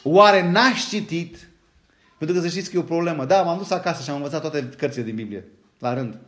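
A middle-aged man with a Romanian accent preaching a sermon in a lively way, often asking his listeners questions. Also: on the high side. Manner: lively, asks the congregation questions, frequent "da?". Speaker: pastor.

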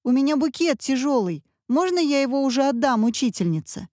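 A woman's voice: sits high, very animated, brisk, a little mellow, no echo, studio quality, pitched above the performer's own voice. A woman voicing a whiny, impatient little schoolboy in an audiobook reading. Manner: whining, demanding.

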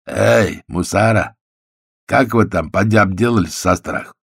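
A hoarse, swaggering gangster, put on by a male reader, drawling his slang with open mockery. The voice sits low with a gravelly edge. It is recorded close and dry. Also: unhurried, fairly bright tone, no echo, full character voice. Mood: mocking.

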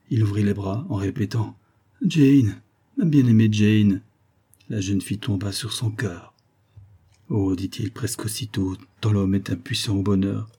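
A man reading a French novel aloud as an audiobook, in a slow, gentle narration. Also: on the low side, slightly rough. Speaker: audiobook reader. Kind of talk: scripted narration.

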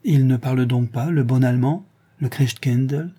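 A shy, awestruck little girl of eight or nine speaks in a storybook reading, as a man gives her voice. Her words come out soft and marvelling. The tone is warm and a little husky. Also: medium pitch, normal speed, lightly acted. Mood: curious.

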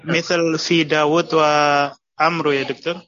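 A man's voice: fairly high pitch, level tone, normal speed, fairly bright tone, muffled recording. A man moderating an online study session, politely relaying questions to the teacher. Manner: polite, addresses the teacher formally.

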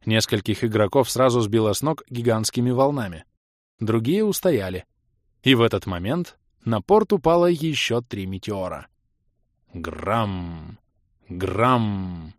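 A man's voice: mid-range voice, no room sound, studio quality. Dramatic male audiobook narrator. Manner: dramatic, steady storytelling. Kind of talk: first-person fantasy game audiobook narration.

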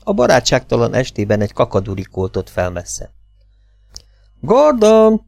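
Male audiobook reader, lowish voice, animated delivery, dry close sound. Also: gravelly, no room sound, soft background music. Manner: lively, expressive storytelling. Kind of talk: audiobook narration of a humorous novel.

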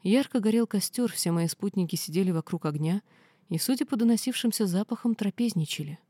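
A woman reading a first-person fantasy novel aloud in steady storytelling. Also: medium pitch, brisk, slightly rough, no echo, studio quality. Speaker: audiobook reader.

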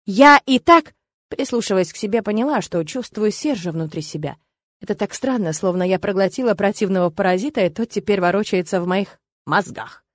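A woman's voice: mid-range voice, fairly quick, a little mellow, no room sound. Woman narrating an audiobook, dry and close. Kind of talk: first-person audiobook narration.

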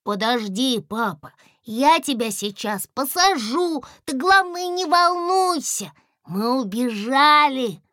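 Woman voicing a cheerful little boy dragon, high, excited, storybook. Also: takes it slowly, no room sound, studio quality, exaggerated voice. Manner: bright, excited, high, loud exclamations.

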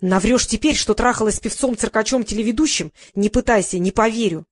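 A woman's voice: on the high side, brisk, no room sound, studio quality, close to an everyday voice. A woman voicing a furious, defiant thirteen-year-old girl who accuses and mocks her mother in an audiobook. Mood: accusing. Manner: accusing, mocking.

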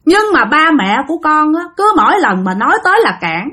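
A woman's voice: high voice, very animated, fairly quick, sharp tone, pitched above the performer's own voice, full character voice. A woman playing a grieving mother who speaks tenderly to her dead nephew. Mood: lamenting. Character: grieving middle-aged mother, pleading softly.

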